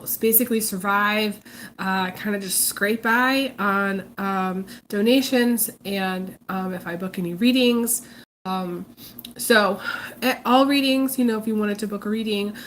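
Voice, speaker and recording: A woman with a mid-range voice hosts a casual live stream as a psychic reader, sounding congested as she recovers from illness. She speaks hesitantly, full of ums and restarts, over slight background noise.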